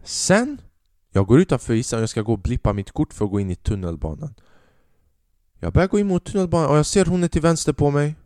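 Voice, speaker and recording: A man's voice: on the high side, no echo, studio quality. Man in his twenties riffing profanely. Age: 20s. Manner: profane, rambling, animated storytelling. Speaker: podcast host and stand-up comedian. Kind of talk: casual comedic monologue.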